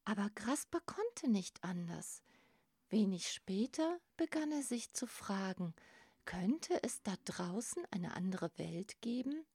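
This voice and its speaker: A woman narrating a storybook in a gentle, expressive reading. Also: mid-range voice, slow pace, breathy edge, dry recording, studio quality.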